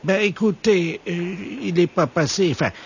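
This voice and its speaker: Guy doing a husky fussy old lady prank caller, goes way up and down, muffled phone sound. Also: high-pitched, lively intonation, normal speed, exaggerated voice. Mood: innocent, rambling. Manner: rambling, innocent, hesitant. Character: naive, fussy older woman caller. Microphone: telephone.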